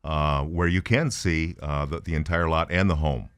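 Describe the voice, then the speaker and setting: A man guesting on a radio show as a real estate agent, speaking haltingly and modestly with many fillers, in a studio. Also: extremely low pitch, steady tone, a bit bright, clear, resonant tone, no room sound. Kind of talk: radio interview.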